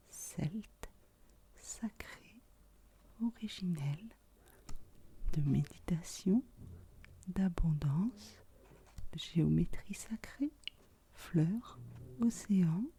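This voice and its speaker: A woman ASMR host speaking in a soft, unvoiced whisper, very close, right in the listener's ear. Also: on the low side, drawn-out words, pauses often.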